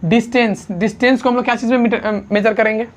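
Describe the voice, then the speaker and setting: A man's voice: extremely high pitch, fairly even intonation, a little hiss or hum. Questioning male science teacher. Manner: keeps asking the class questions and answering them himself; urges students to write quickly, calls them friend. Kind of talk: blackboard science lesson.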